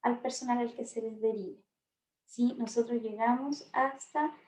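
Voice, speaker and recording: A woman giving a class lecture in a steady, reassuring way, often checking in with her listeners. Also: fairly high pitch, measured pace. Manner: steady and reassuring, constantly checking in with tag questions. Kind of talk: recorded online class lecture. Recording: echoey room.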